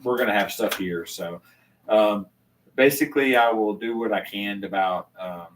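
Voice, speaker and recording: A man's voice: fairly low pitch, normal speed, distant mic, a little hiss or hum, low-quality recording. An older man hosting a casual live chat from his home bar, rambling with many restarts and fillers. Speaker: channel host.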